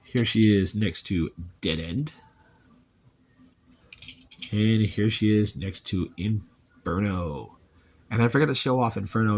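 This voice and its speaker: A man with a fairly low voice walks through a toy review in a relaxed, chatty way, musing aloud as he goes. Faint clicks and handling sounds sit quietly behind him. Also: a little hiss or hum.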